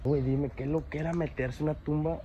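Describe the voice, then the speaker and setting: A man's voice: fairly high pitch, fairly even intonation, fast talker, warm tone, highs cut off, slight background noise. Drowsy slangy guy vlogging outdoors. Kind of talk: casual vlog. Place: outdoors at a cemetery. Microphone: handheld phone camera.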